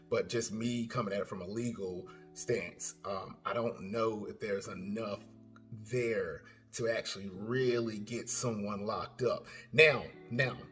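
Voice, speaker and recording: Man, middle pitch, casual rambling commentary, lots of ums and restarts, soft guitar music behind. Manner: rambling, hesitant, many fillers and restarts. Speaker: commentary channel host.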